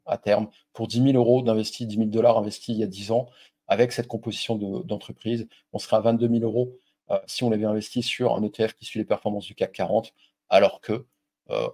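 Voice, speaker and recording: A man's voice: lowish voice, fairly even intonation, quick pace, warm tone. A middle-aged man hosting a casual investing talk, chatting informally with lots of fillers and addressing the viewer directly. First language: French. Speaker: investing video host. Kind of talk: casual explainer with a familiar tone.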